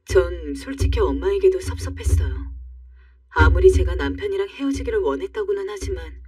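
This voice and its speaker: A woman's voice: lowish voice, animated, a little fast, mellow, slightly rough, dry recording, far from the mic. A woman narrating a first-person life story in an emotional, scripted way.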